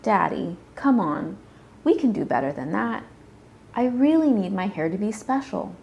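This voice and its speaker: A woman voicing an excited little girl in a storybook read-aloud. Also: mid-range voice, moderate pace, gravelly, muffled recording, slight background noise. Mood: eager.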